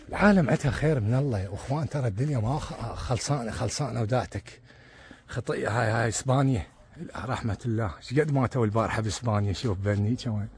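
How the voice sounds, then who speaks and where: A man with an Iraqi accent giving casual, excitable commentary to viewers as he films his pigeons outdoors, repeating words and dropping religious blessings. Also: mid-range voice, breathy edge. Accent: Iraqi Arabic. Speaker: pigeon keeper filming his birds.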